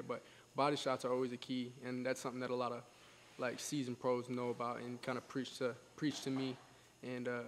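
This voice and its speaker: An eighteen-year-old man, a boxer, chatting casually in an interview, confidently explaining things step by step and repeating phrases as he goes. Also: mid-range voice. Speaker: professional boxer being interviewed. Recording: echoey hall, faint background noise.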